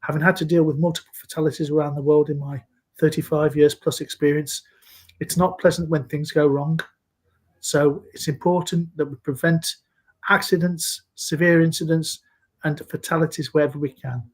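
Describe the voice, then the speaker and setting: A Scottish man in his sixties, a safety leader appearing as a guest in a live video-call interview, talks in a measured, earnest way. His voice is fairly high with a steady tone.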